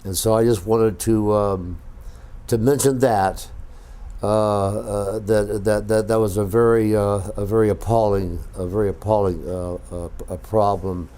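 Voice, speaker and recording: A man recounting a story in an interview, halting with many fillers and repeated words. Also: lowish voice, steady tone, warm tone.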